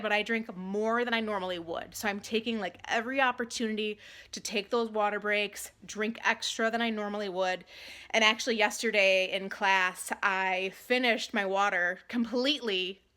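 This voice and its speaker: A woman with a bright, forward voice speaks as a vlogger in a casual video diary. Her pitch sits in a middle range, and she is chatty and candid, with a self-deprecating streak.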